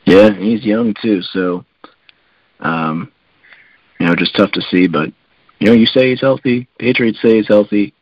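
A man co-hosting a casual sports podcast, relaxed and hedging, with lots of fillers. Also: fairly low pitch, unhurried, pauses often, no room sound, lo-fi sound. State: coughing. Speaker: podcast co-host.

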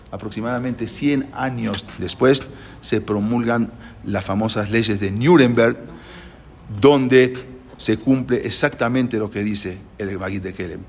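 A man delivers a sermon-like lecture in a rough, fry-laden voice with a breathy, husky edge. He drives his points home with abrupt jumps in pitch and volume, and he stumbles into restarts and filled pauses as he hunts for words. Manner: emphatic, with sudden rises in pitch and loudness. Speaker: religious lecturer.

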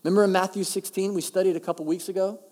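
A male pastor preaching a conversational, emphatic sermon, slowing down to stress key phrases. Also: high voice, steady tone, darkish tone. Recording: long reverb of a large hall.

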